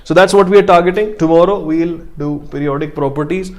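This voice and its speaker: A man's voice: fairly high pitch, fairly quick. A man with a North Indian accent teaching a casual live online class, speaking English sprinkled with Hindi phrases and addressing students directly. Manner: addresses students directly with short check-ins. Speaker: online exam-prep chemistry teacher.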